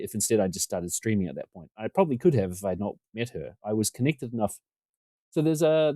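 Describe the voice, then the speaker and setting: A middle-aged man from New Zealand, appearing as a podcast guest, chats casually and fast, rambling on and making fun of himself. His voice is low, mellow, dark and relaxed, captured dry and close with no echo, like a remote-call mic in a room at home.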